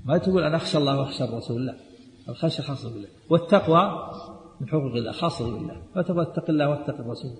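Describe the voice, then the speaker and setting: Brisk emphatic man teaching in a hall. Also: a little high. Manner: emphatic, repeats key points, drops to quiet asides. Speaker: Islamic scholar teaching a text. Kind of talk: religious lesson explaining a book. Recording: echoey hall recording.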